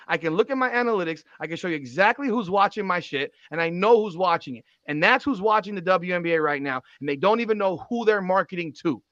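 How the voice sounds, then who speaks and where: This man in his 40s has a high-pitched, somewhat bright voice with no echo, captured in dull, slightly lo-fi audio. He hosts a casual podcast, hammering his points home repetitively and cursing without restraint.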